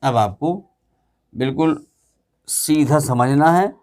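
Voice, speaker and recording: A man's voice: mid-range voice, slow pace, darkish tone. Man teaching an English grammar lesson. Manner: asks students questions and repeats the answers.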